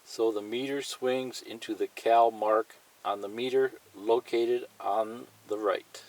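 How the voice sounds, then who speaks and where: Here the audio is poor, and the man's lowish, slightly mellow voice moves slowly with fairly even intonation. He's a hobbyist instructor leading a step-by-step practical tutorial, speaking plainly, pointing out details, going over things again, and partly reading a manual aloud.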